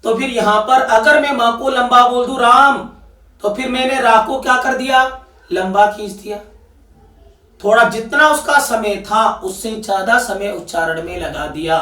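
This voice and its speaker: A man's voice: very high-pitched, normal speed, sharp tone. A man teaching an exam-prep Hindi grammar lesson with a Rajasthani Hindi accent. He keeps asking questions and answering them himself. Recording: echoey room, voice picked up from a distance.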